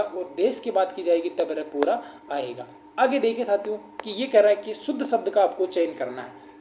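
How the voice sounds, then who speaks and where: Man teaching with roomy echo. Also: high voice. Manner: repetitive, keeps asking the class rhetorical questions; addresses listeners as friends and brother. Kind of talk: exam-prep grammar class. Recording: roomy echo, faint background noise.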